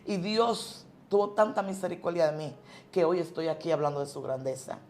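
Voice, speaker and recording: A woman's voice: fairly low pitch, expressive, moderate pace, a little mellow, a little hiss or hum. A woman pastor from the tells a personal religious testimony, an emotional storyteller who repeats and restarts words.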